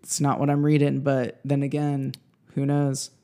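A man's voice: mid-range voice, completely flat delivery, moderate pace, mellow. A man co-hosting a podcast in casual, informal banter. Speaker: podcast co-host. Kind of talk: casual chat.

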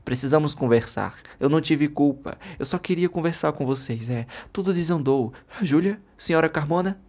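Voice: mid-range voice, moderate pace, darkish tone, close to an everyday voice. Young man, voiced by a reader, killer, stammering, pleading, self-pitying, storybook reading. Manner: stammering, pleading, excuse-making.

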